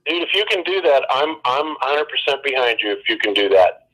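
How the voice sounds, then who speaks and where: A man on a phone call explaining his point in a measured way, with many ums. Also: medium pitch, expressive, fairly bright tone. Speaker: phone guest. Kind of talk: debate over the phone.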